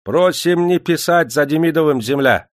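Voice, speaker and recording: A man's voice: a little high, normal speed, dry recording, studio quality, pitched above the performer's own voice, close to an everyday voice. A man doing a pleading old village elder. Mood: desperate. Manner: broken speech, pleading loudly. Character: desperate older male Bashkir village elder.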